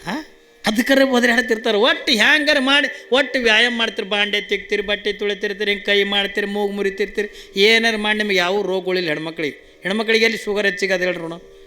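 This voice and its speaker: A male comic storyteller with a North Karnataka accent, animated and playful as he acts out each character in turn. His voice is high and bright with a sharp edge. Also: quick pace. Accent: North Karnataka Kannada. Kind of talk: folk comedy storytelling.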